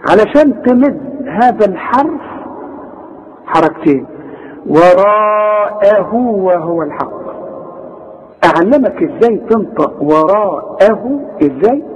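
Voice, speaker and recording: Egyptian male tajweed teacher, fairly high voice, reverberant hall, muffled sound. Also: a little mellow, a little hiss or hum. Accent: Egyptian Arabic. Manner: explains quickly in colloquial speech, then recites words slowly and drawn out. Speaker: Quran recitation teacher. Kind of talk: tajweed lesson.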